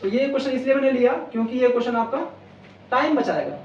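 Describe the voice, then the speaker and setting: A man's voice: very high-pitched, expressive, quick pace. A man teaching an exam-prep maths lesson, walking through each step and repeating questions back to the viewer before answering them. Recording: roomy, distant, dull lo-fi sound, faint noise.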